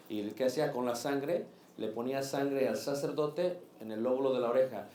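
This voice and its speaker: A man preaching a sermon, lively and asking the congregation questions. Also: mid-range voice, reverberant, slight background noise. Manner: animated, asks the congregation questions.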